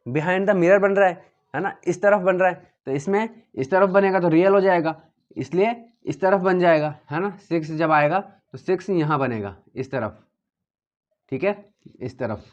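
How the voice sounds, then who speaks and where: A man walks his students through a physics lesson step by step, going back over each point and checking often that they follow. His voice sits a little high. The recording sounds dull and lo-fi. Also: measured pace. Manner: steady and repetitive, checking understanding often. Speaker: teacher.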